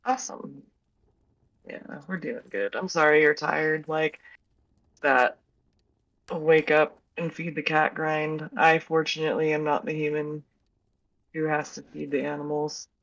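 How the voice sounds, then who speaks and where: A woman's voice: deep voice, flat delivery, unhurried, long pauses, fairly bright tone, lo-fi sound. A young woman hosting a casual stream chat, rambling with lots of fillers and frequent laughs.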